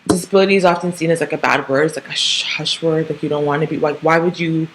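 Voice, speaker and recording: A Canadian-raised woman in her thirties hosts a casual solo podcast, rambling through her monologue with lots of ums, restarts and tag questions. Her voice is low, her intonation fairly even, and she talks fast over a noisy background.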